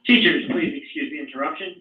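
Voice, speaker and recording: A man gives a school announcement over the intercom loudspeaker. His voice is a touch high and delivered in a measured, formal way. It comes through thin and phone-like, echoing from far off in the building. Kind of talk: public announcement. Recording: echoey, distant, tinny loudspeaker.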